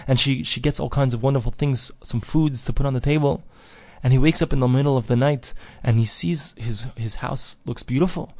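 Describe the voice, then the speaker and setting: A man tells a parable for a daily religious lesson, looping back over his phrases. His voice sits at an ordinary pitch, and the recording is dry and close. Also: a little fast, hardly any pauses, darkish tone, no echo. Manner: repeats and restarts as he tells it. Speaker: teacher of a daily Torah lesson. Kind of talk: parable storytelling.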